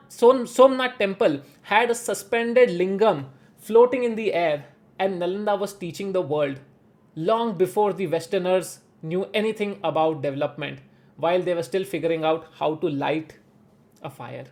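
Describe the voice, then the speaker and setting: A man's voice: high voice, moderate pace, a little mellow. A man from India with an Indian English accent, reciting a spoken-word response in an earnest, declamatory way. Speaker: video creator.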